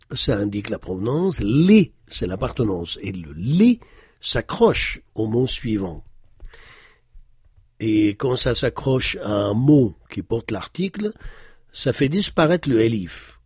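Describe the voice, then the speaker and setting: A man teaching a language lesson, explaining slowly and patiently with frequent hesitations, stressing the example words he pronounces. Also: mid-range voice, a little mellow, breathy edge, no room sound, clean studio sound. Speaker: Arabic teacher. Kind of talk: slow spoken lesson walking through worksheets.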